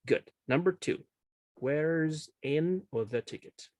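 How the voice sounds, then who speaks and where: A man's voice: a little high, slow pace, darkish tone, no room sound, clean studio sound. A man teaching a class over a video call, explaining patiently, often checking understanding and switching between two languages. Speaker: English teacher.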